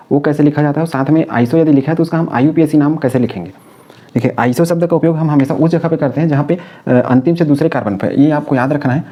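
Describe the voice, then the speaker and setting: The recording is lo-fi: a man with a slightly high voice and a Hindi-speaking North Indian accent lectures on chemistry in class. He goes step by step, repeating key terms and answering his own questions.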